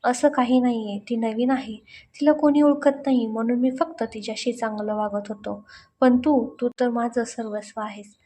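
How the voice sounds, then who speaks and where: A woman's voice: a little high, fairly even intonation, normal speed, mellow, close to an everyday voice. A woman voicing an earnest, devoted young college man who talks in a pleading, heartfelt way. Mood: apologetic.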